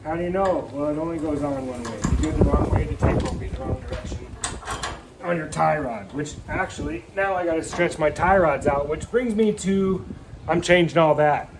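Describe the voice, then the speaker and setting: A garage mechanic with a fairly high voice walks through swapping a car's brakes, speaking at a moderate pace over the noisy shop ambience. He keeps it casual and practical, rambling, cracking jokes, and addressing his viewers as kids.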